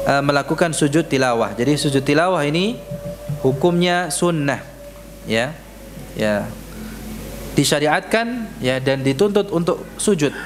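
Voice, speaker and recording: A man teaching Quran recitation, drilling syllables slowly and correcting his students. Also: a little high, slight background noise. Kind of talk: tajwid lesson in a mosque. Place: mosque prayer room.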